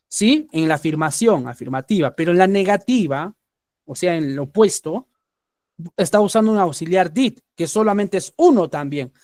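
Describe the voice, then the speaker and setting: Patient Peruvian teacher, dry close sound. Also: male voice, high voice, a little mellow, no echo. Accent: Peruvian Spanish. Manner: patient, keeps checking understanding with rising "¿sí?". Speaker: English teacher. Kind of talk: online class explaining grammar.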